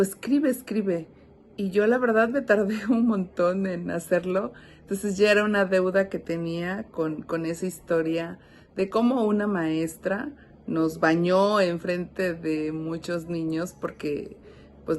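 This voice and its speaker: A woman's voice: on the low side, darkish tone, slight background noise. A woman author talking about her writing in a hesitant way, with many fillers, over a video call.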